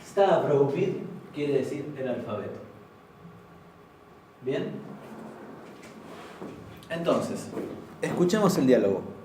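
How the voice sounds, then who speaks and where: A man's voice: medium pitch, very animated, slow, pauses often, darkish tone. Man, language teacher, patient, repeats words, distant mic, faint hiss. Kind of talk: informal classroom lesson. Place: classroom. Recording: very echoey room, from far off.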